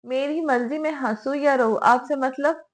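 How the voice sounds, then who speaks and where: A woman reading the lines of an angry, jealous young wife in a romance audiobook, sharp and defiant. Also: high voice, a little slow.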